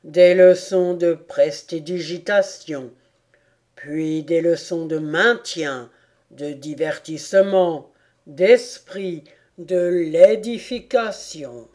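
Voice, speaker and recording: A sobbing, lamenting mock turtle from a storybook, read by a woman who puts her on, dragging her words slowly and loudly. Her tone sits low and soft-edged, and she sounds both woeful and easily offended. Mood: mournful. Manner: slow, mournful and loud, turning indignant. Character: sad, sobbing mock turtle with a calf's head, female.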